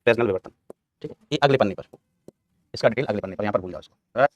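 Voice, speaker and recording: A man's voice: fairly low pitch, racing, dull audio. A male physics teacher giving a classroom lecture, quizzing his students, answering his own questions and repeating key terms, calling them son and brother.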